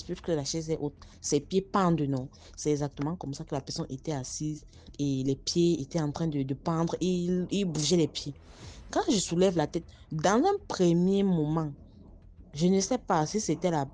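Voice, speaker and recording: A woman recounts her own experience in a casual, lively way, turning to her listeners to make them picture it. Her voice sits low and sounds dark and mellow. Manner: talks straight to listeners, vivid and animated. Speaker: storyteller. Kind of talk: casual first-person storytelling.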